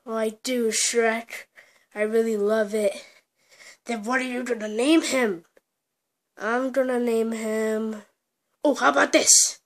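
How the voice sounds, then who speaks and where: A home toy play video where one storyteller improvises every character in a slow, halting, playful way. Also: mid-range voice.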